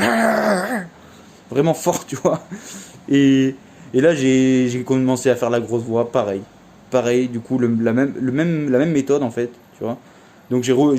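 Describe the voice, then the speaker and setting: A man's voice: mid-range voice, mellow. A young man telling a casual story in a vlog, chatty and slangy, full of fillers. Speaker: vlogger.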